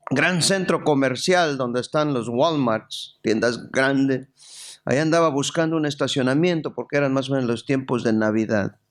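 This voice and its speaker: A male pastor from Mexico, preaching a sermon, telling humorous stories and then reading scripture aloud. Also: fairly high pitch. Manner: storytelling with lively jokes and scripture reading.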